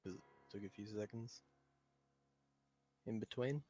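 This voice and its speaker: A man's voice: on the low side, measured pace, warm tone, husky. A man chatting casually and informally as a player in a tabletop game.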